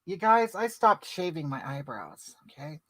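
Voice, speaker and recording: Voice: medium pitch, big pitch swings, unhurried, bright, forceful tone, dry recording, full character voice, poor audio. A performer playing a brash older woman who chats through a makeup livestream and greets viewers by name. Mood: chatty. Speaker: livestream host. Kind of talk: comedic livestream character.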